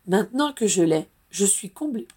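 A woman's voice: medium pitch, very animated, moderate pace, darkish tone, slightly rough. A woman reading a modest young Auror. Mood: earnest.

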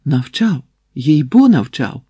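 A trembling young monk gabbles and wails in terror, his voice rough and husky, voiced by a male storyteller. The recording is dry and close, with no room sound. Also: fairly high pitch, big pitch swings, a little slow, warm tone, no echo, lo-fi sound, heavily acted. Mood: frantic. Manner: frantic, gabbling, wailing.

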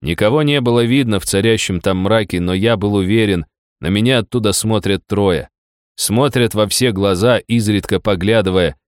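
Low-voiced male audiobook narrator. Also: dry recording, studio quality. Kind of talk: scripted first-person narration.

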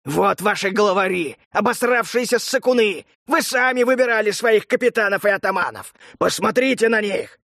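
A man voicing a brutal, furious male crime boss who snarls and shouts, in a storybook reading. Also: sits high, expressive, gravelly, husky, no echo, clean studio sound, pitched above the performer's own voice, heavily acted. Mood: enraged. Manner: snarling, shouting, drawn-out threats.

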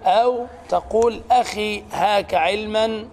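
A man with a high, slightly mellow voice gives a tajweed lesson on the rules of Quran recitation at a measured pace. He explains step by step, stretching out words to demonstrate each sound, while a faint hiss runs under the recording.

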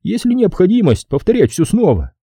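A man reading an audiobook, voicing a calm, weary, grieving old father. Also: sits high, a little fast, breathy edge, no echo, studio quality, pitched above the performer's own voice, full character voice. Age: older.

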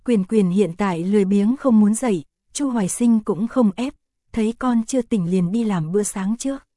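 Warm-voiced woman narrating a story. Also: medium pitch, normal speed, no room sound, studio quality. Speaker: audiobook narrator.

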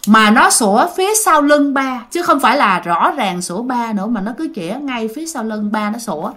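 Talking fairly quickly with lively intonation, a woman with a Southern Vietnamese accent tells a ghost story in a chatty style, addressing her audience directly. Her pitch is fairly high and her tone a bit bright.

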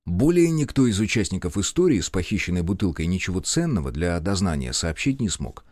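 Male narrator, low voice, expressive, dry close recording. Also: a little fast, no echo. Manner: expressive storytelling, performs all characters. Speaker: audiobook narrator. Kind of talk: scripted narration.

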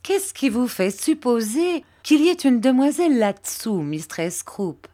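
A woman's voice: on the high side, animated, unhurried, dark tone, pitched above the performer's own voice. A woman reading a polite, bashful young man in love in an audiobook, speaking formally and a little stiffly. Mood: earnest.

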